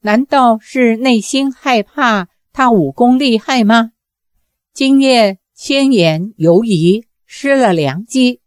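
A woman's voice: fairly high pitch, slow pace, no echo, studio quality. A woman reading the lines of a tense, suspicious teenage boy with a tight, guarded delivery. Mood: self-reproach.

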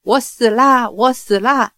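A woman's voice: on the high side, expressive, measured pace, dry recording, studio quality. A woman reading aloud voices a mischievous young man who whines and wails pleas while feigning helplessness. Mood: wailing. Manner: whining and wailing pleas.

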